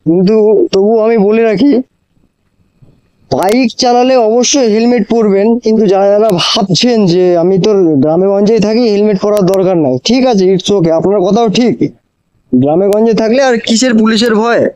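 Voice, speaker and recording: His voice enclosed in a helmet, a man vlogs about motorcycling, casually addressing viewers with explanations, advice and repeated phrases via a helmet microphone. He sits high in pitch, warm and clean in tone, at a moderate pace, though the recording is rough.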